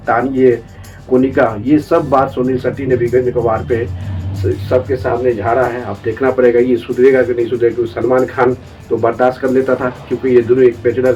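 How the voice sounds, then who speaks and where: A man rambles through casual entertainment gossip, looping back over his points and calling his listeners brother. His voice sits at a middle pitch, heard slightly off-mic through a dull, lo-fi recording. Faint music plays underneath. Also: darkish tone, distant mic. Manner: rambling, repetitive, addresses viewers as friends and brother. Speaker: entertainment news commentator.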